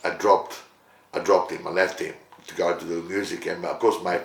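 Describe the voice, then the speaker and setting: An older man from Italy recounts his musical past in an interview. His deep, low voice wanders from one memory to the next, full of pauses and fillers. The sound carries the echo of a roomy space. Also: little pitch movement, creaky. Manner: rambling, halting storyteller with many fillers. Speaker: musician guest. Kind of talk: interview storytelling.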